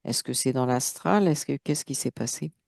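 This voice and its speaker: A woman acting as the operator of a channeling session, guiding with short questions and quick affirmations. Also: extremely low pitch, creaky, darkish tone, dry recording, studio quality.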